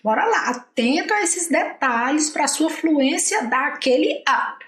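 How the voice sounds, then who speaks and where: A woman with a Brazilian Portuguese accent teaching an English lesson, patiently explaining and repeating model phrases slowly. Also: high voice, lively intonation, a bit bright, reverberant. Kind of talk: language lesson with slow model sentences.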